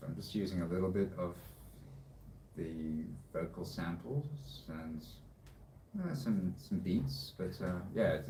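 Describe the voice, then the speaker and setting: A man's voice: deep voice, a little mellow. A man, chatting casually in a laid-back, rambling way. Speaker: co-host and hobby music producer. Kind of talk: casual chat. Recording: roomy, distant, faint background noise.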